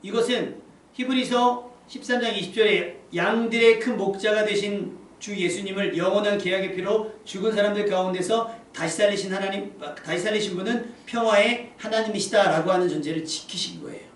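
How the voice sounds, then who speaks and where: High-voiced pastor in an echoey hall. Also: male voice, fairly quick. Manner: conversational, asks the congregation rhetorical questions. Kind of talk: sermon. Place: church sanctuary. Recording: echoey church hall from a distance, faint room noise.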